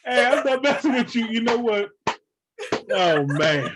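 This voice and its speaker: Man, host, lively swooping pitch, laughing, slangy casual chat, noisy background. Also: measured pace.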